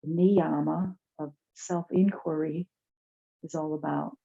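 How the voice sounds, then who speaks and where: A woman teaching chair yoga, guiding movement and relaxation in a soft, soothing, unhurried way with pauses. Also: low voice, fairly even intonation, gravelly, slightly rough, dull audio. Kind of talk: guided yoga class and relaxation.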